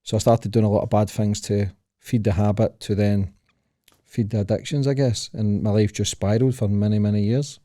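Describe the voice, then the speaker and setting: A man's voice: on the low side, fairly even intonation, a little fast, warm tone, no echo, clean studio sound. A man from Scotland with a Glaswegian accent, a podcast guest telling his life story in short clipped phrases with a cheeky manner. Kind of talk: casual interview chat.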